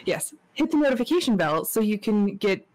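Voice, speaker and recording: Female co-host, mid pitch, joking and playful, dry recording. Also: sing-song, brisk, a little mellow, no room sound, rough recording. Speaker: podcast co-host. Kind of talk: casual chat.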